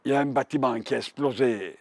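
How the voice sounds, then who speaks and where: A man's voice: medium pitch, fast talker, husky, dry recording. A man in his nineties with a Marseille accent, telling his wartime memories vividly, with frequent repetitions. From Provence, France. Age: 90s. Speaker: war veteran witness. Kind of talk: oral history testimony.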